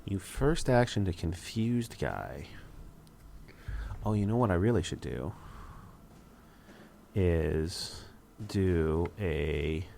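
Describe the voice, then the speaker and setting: Low, gravelly-voiced man narrating gameplay. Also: animated, takes it slowly, pauses often, darkish tone, slight background noise. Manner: thinking aloud, wry asides. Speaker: let's play host. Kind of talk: casual gameplay commentary.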